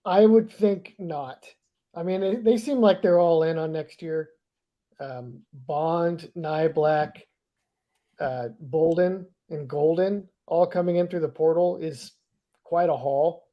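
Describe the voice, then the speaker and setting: A man giving casual football analysis, thinking aloud with halting restarts. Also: a little high, highs cut off.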